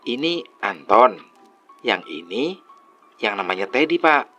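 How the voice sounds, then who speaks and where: A man's voice: lowish voice, sing-song, slow, sharp tone, muffled recording, soft background music, full character voice. A man voicing a young male worker at a tourist site, chatty and easily frightened, in a storytelling dialogue. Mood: telling.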